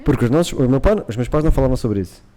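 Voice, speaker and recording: A man's voice: medium pitch, lively intonation, racing, warm tone. A man with a European Portuguese accent, hosting a casual chat and talking candidly with jokes. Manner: candid, jokey, confessional. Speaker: podcast host.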